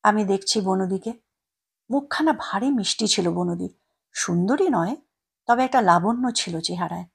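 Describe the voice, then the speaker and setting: A woman reading a story aloud as the narrator, with expressive, lively delivery. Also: mid-range voice, normal speed, gravelly, husky.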